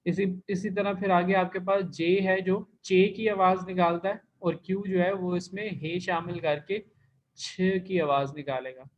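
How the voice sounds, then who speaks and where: A man's voice: high-pitched, steady tone, a little slow. A man teaching an online language class, explaining patiently step by step and repeating key terms. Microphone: computer mic in an online class. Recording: dull lo-fi online class recording.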